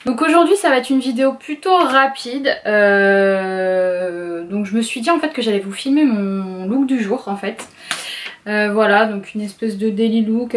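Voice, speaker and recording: A young woman with a French accent chatting casually to her viewers about her outfit of the day, with lots of fillers. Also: on the high side. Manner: chatty, many fillers, speaks straight to viewers. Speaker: beauty vlogger.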